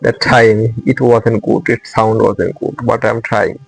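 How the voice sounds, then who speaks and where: Speaking slowly in a fairly low, level voice with vocal fry and a husky edge, this young English-learning channel host from Bangladesh addresses his viewers with an earnest motivational message. Bengali is his first language, so his English carries a Bangladeshi accent and leans on repeated phrases. The audio is rough.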